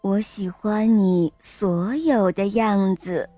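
A woman voicing a gentle, loving mother rabbit in a storybook, soft and soothing. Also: medium pitch, fairly even intonation, slow pace, soft background music, pitched below the performer's own voice, lightly acted. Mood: tender.

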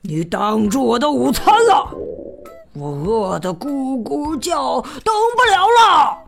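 A woman's voice: high-pitched, big pitch swings, takes it slowly, soft background music, heavily acted. A woman voicing a rude, hungry male elephant who bullies and blusters in a storybook reading. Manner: gruff, bossy and loud.

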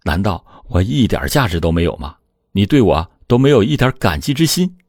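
A man's voice: deep voice, sing-song, brisk, a little mellow, no room sound, clean studio sound. A man voicing a hurt, desperate young husband in a dramatized true-crime retelling, pleading and lashing out. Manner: pleading, then heated outbursts.

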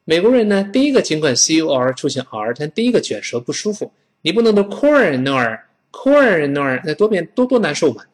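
A man teaching English pronunciation in an animated, playful way, drawing words out slowly for learners to repeat and acting out example sounds. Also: a little high.

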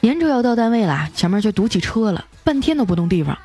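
Lively woman telling comic jokes. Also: medium pitch, quick pace, soft background music. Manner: animated, playfully acts out the people in her jokes. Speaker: radio show host. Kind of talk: comic joke storytelling.

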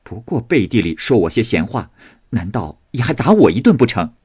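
A man voicing a proud, sharp-tongued young noblewoman who speaks scornfully and defiantly. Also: fairly low pitch, sing-song, normal speed, breathy edge, no room sound, clean studio sound.

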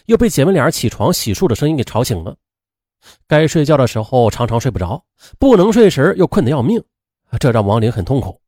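A man's voice: on the high side, a little mellow, dry recording, clean studio sound. A man narrating a true-crime story in a chatty way, with frequent fillers.

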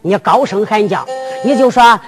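A woman voicing a scheming old father who speaks slowly and deliberately, with a Henan accent, in a drum-ballad storytelling. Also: expressive, natural voice. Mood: scheming, instructing. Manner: drawn-out, deep, deliberate elder's speech. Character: slow-spoken old father, scheming, low-voiced. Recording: long hall reverb with music.

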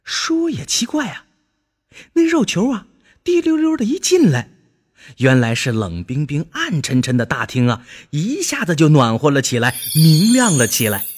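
A man narrating a scripted children's story in an expressive way, drawing out his exclamations. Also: fairly high pitch, moderate pace, husky.

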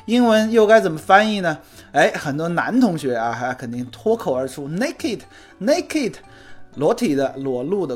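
A chatty man with a slightly high voice hosts a photography podcast as a relaxed spoken lesson. He teases his listeners and slows right down to drill each English word. Faint music plays underneath him. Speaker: podcast host and photography teacher.

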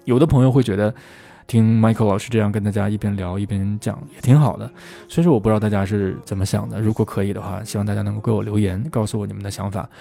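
A man hosting a podcast who explains English pronunciation in a relaxed, chatty, rambling way. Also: lowish voice, fast, gravelly. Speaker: English teacher, podcast host.

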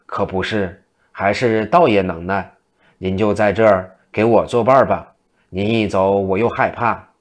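A man's voice: lowish voice, fairly even intonation, unhurried, natural voice. A man voicing a seductive female demon who poses as a frightened wife and speaks in a pleading, coaxing way.

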